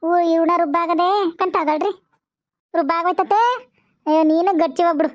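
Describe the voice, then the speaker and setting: Woman doing a village woman in a cartoon, rural Karnataka Kannada accent, very high voice, scolding and chatty. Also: steady tone, fairly quick, no room sound, dull audio. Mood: bickering. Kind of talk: homemade cartoon voice acting.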